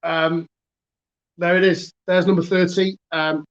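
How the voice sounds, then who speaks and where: A man's voice: sits high, flat delivery, a little slow, lo-fi sound. A man with a Northern English accent hosting a casual online quiz, chatty and self-mocking, with lots of fillers. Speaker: quiz host.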